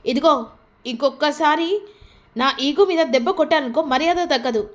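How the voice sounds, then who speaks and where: Woman doing a shouting, hot-tempered rich young man. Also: high-pitched, normal speed, lightly acted. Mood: angry. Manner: shouting, scolding.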